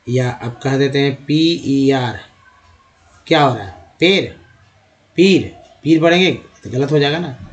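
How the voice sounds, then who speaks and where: A man teaching English pronunciation, spelling out words letter by letter and asking and answering his own questions. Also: a little high. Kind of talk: spoken English lesson.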